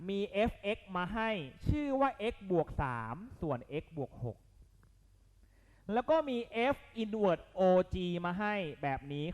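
A man leads a math exam lesson in a casual, coaxing way, asking again and again whether students are keeping up. His voice sits a little high and moves up and down a lot. The sound carries a long, hall-like reverb. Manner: lively, coaxing, keeps checking the students follow; blunt and slangy at times. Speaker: math tutor.

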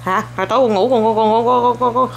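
A young woman, a mother filming a casual home vlog, coaxing, teasing and gently scolding her child while talking to viewers. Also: fairly high pitch, steady tone, quick pace, creaky, slight background noise.

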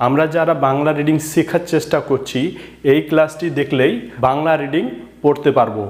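A man's voice: fairly high pitch, fairly even intonation, fairly quick, reverberant. A man teaching beginners to read, spelling out letters one by one and then blending them into words. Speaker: reading teacher. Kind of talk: step-by-step reading lesson.

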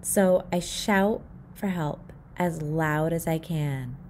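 A woman reading a children's picture book aloud at storytime, expressive and playing out the sound effects. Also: low-pitched, takes it slowly, a little hiss or hum. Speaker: storytime reader.

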